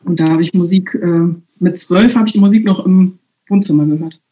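Relaxed woman with a mellow voice. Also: fairly low pitch, a little fast. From Germany. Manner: relaxed, hesitant with many fillers. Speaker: guest. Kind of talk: casual conversation.

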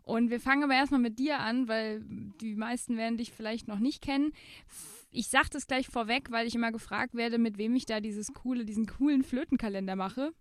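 A young woman hosting a podcast, chatting with her guest in a relaxed, chatty way. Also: on the high side, fairly quick, no echo, clean studio sound. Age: young adult. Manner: chatty, laughs easily. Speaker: podcast host. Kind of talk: casual interview.

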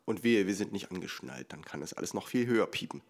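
A man teaching music in a relaxed lesson. He explains rhythm calmly, counts the beats out loud, and drops to a whisper on the light beats. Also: deep voice, fast, vocal fry. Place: recorded at home and outdoors on location.

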